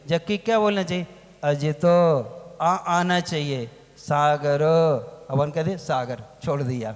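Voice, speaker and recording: A man giving a religious lecture as a monk, asking his listeners questions and answering them himself, drawing out key words slowly. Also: high-pitched. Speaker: Jain monk teaching a scripture class. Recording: long hall reverb.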